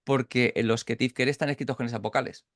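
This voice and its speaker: A man's voice: medium pitch, fairly even intonation, fast, no room sound, studio quality. A man from Catalonia teaching an informal Bible study over a video call, explaining step by step with frequent restarts and checks for understanding. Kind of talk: informal online Bible class.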